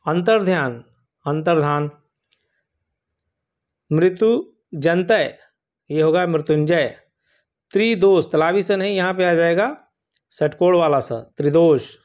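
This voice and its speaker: High-voiced man teaching spelling. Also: a little mellow. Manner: explains slowly and repeats each word. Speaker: exam prep teacher. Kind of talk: spoken spelling lesson.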